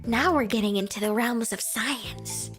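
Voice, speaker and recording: A woman's voice: a little high, measured pace, a bit bright, soft background music. A woman hosting a casual livestream, chatting to viewers in a cute, giggly anime-streamer manner. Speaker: livestream host.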